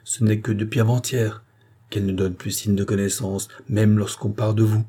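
A man's voice: fairly low pitch, level tone, normal speed, warm tone, slightly rough. A man voicing a kindly, fussing old male farm gamekeeper, talking in an eager, emphatic way.

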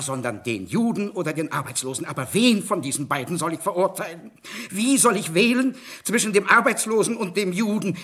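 An actor playing an anxious, cornered judge in a radio play, stammering and pleading with rising panic, with a husky voice. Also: male voice, high-pitched, a bit bright, heavily acted. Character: anxious, cornered middle-aged male judge. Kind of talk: radio drama acting.

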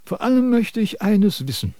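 An actor playing a self-important sage who lectures and scolds in a radio drama. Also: male voice, high-pitched, very animated, normal speed, warm tone, dry recording, studio quality. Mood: lecturing. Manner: pompous, preachy, scolding.

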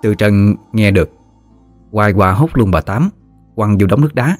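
A man with a Southern Vietnamese accent narrating a story in a lively, slangy, teasing way. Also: fairly low pitch, moderate pace. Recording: faint music behind.

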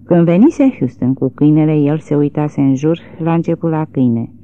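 A woman narrates a literary novel in a measured, expressive way. Her voice is low but moves freely through its range. The audio is narrow and tinny, like a phone line. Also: dry recording.

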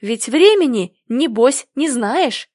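A woman's voice: sits high, lively intonation, takes it slowly, a little mellow, no room sound, clean studio sound, full character voice. A woman reading the lines of a cheeky know-it-all boy in a storybook, teasing and mocking.

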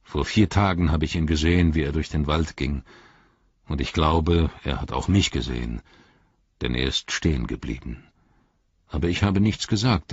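A man voicing a wise, wry old male wizard in an audiobook, speaking in a measured, solemn way. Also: rumbling low, slightly rough, dry recording, lo-fi sound, exaggerated voice. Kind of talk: audiobook reading.

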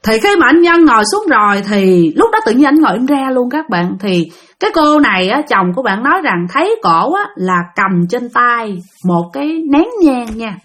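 A woman with a Southern Vietnamese accent narrating a ghost story, talking lively and addressing her listeners directly. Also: on the high side, moderate pace.

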